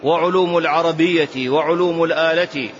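A man's voice: fairly high pitch, steady tone, moderate pace. A man teaching a religious lesson, explaining a text and repeating key phrases for emphasis, sometimes drawing them out in a chant. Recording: dull lo-fi lesson recording.

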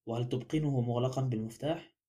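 A man's voice: mid-range voice, quick pace, mellow, close to an everyday voice. A man voicing a vain, proud male detective in an audiobook, pompous and insistent in his manner. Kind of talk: audiobook character reading.

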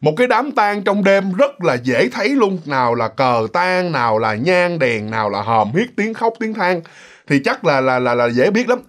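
A man's voice: high-pitched, big pitch swings, moderate pace, a bit bright. A man telling a ghost story in a chatty, casual way, full of fillers and restarts. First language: Vietnamese.

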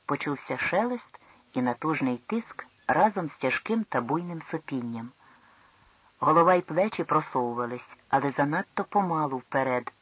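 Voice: mid-range voice, animated, moderate pace, slightly rough, lo-fi sound. An audiobook reader narrating a classic story with tense, dramatic storytelling.

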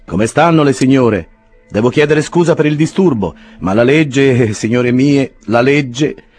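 A man reading an audiobook, voicing a smug young law clerk with falsely polite, drawn-out phrasing. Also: mid-range voice, darkish tone, slightly rough, soft background music, voice pushed up.

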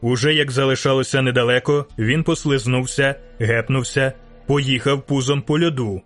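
Man narrating a dark fantasy audiobook. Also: mid-range voice, steady tone, moderate pace, faint music behind. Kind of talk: scripted narration.

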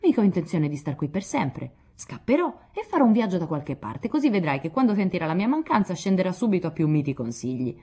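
Woman voicing a sulky blustering young man, storybook reading, husky low voice. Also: big pitch swings, fast, few pauses, dark tone. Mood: indignant. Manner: indignant, blustering. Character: hot-tempered proud young man.

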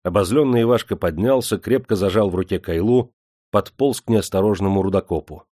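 A male audiobook narrator reads in a steady, measured storytelling manner. His voice is very deep, and the recording is close and completely dry. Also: dry recording. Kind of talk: scripted narration.

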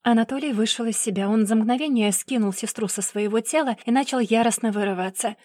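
Woman narrating a dark audiobook. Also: a little high, fairly quick, no room sound.

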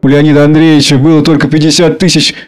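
A man's voice: fairly high pitch, level tone, fast talker, lightly acted. A man reading aloud, voicing a newly rich merchant overwhelmed by his own triumph. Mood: triumphant. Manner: bursting, dazed triumph.

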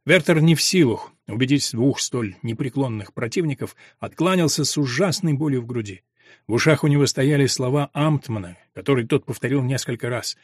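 A man narrating a classic novel as an audiobook, in a measured, expressive reading style. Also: medium pitch, slightly rough, dry recording, studio quality. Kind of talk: scripted literary narration.

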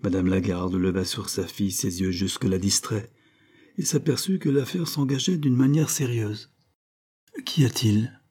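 A man reading a novel aloud as narrator, measured and expressive. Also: on the low side, slightly rough. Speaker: audiobook reader.

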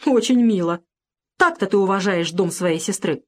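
A woman reading as a scornful gentleman who sneers and mocks with cold contempt. An audiobook character delivered in a storyteller's voice of middling pitch. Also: expressive, normal speed, natural voice. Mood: mocking. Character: man, mocking, contemptuous brother-in-law.

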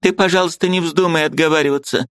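A man voicing a sharp-tongued, agitated old woman who scolds her niece sarcastically. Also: on the high side, steady tone, fast talker, no echo, studio quality, pitched above the performer's own voice, close to an everyday voice. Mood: scolding. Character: sharp-tongued old aunt, gruff yet loving woman.

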